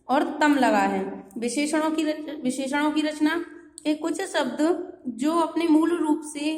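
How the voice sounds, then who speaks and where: A woman with a high voice teaches a classroom grammar lesson. She works patiently through lists of example words and often checks in with the children. Her voice rings in a roomy space with a long reverb tail. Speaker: school teacher. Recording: echoey room with long reverb.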